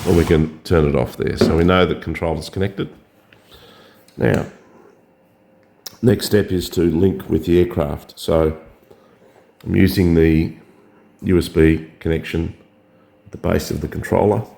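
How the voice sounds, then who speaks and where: Scratchy sick-sounding guy, really low gravelly voice, dark tone, slow halting tutorial talk. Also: steady tone. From Australia. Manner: hesitant, step-by-step explaining. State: hoarse from a cold. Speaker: drone hobbyist. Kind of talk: casual tutorial narration.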